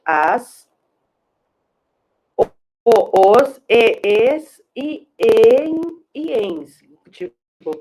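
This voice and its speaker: A woman teacher, giving a remote classroom lesson and explaining slowly and patiently, often checking in with her class. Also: mid-range voice, poor audio.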